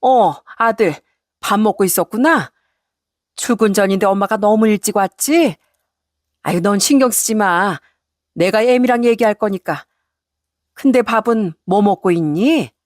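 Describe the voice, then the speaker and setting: A woman voicing a furious, domineering older mother-in-law who scolds in a shrill, shouting voice. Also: unhurried, long pauses, no echo, studio quality, close to an everyday voice. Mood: doting.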